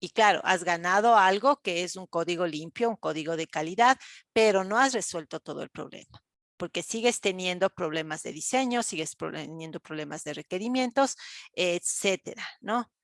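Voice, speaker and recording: A woman's voice: lowish voice, normal speed, a bit bright, dry recording. A woman, lecturing an online class, explaining step by step with frequent fillers and check-ins to students. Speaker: university lecturer.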